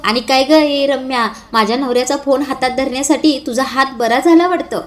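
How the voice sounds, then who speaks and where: A woman voicing an angry, sharp-tongued young married woman who taunts her rival. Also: high voice, brisk, lightly acted. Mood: taunting. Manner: taunting, scolding.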